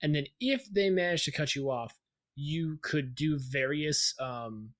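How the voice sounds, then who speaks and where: A man co-hosting a gaming podcast in casual chat, rambling and steering the talk with many pauses. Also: a little high, expressive, fairly bright tone. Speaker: podcast co-host.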